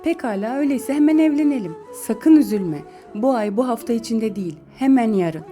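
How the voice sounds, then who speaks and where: A woman's voice: on the high side, lively intonation, a little fast, dark tone, soft background music, close to an everyday voice. A woman voicing an impatient, headstrong young man in a storybook reading, speaking in an urgent, insistent way. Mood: eager.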